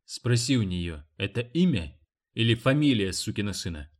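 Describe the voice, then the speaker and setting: A man's voice: fairly low pitch, sing-song, normal speed. A man reading an audiobook, voicing an indignant, angry middle-aged father who is a wealthy shoe magnate. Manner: gruff, indignant.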